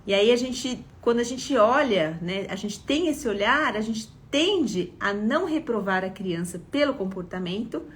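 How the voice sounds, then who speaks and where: A woman's voice: on the high side, lively intonation, normal speed, hardly any pauses. A middle-aged Brazilian woman, a parenting educator, talks to parents on a live stream in a conversational way, often checking in with her listeners. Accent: Brazilian Portuguese. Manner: conversational, frequent "né?" and "tá?" check-ins.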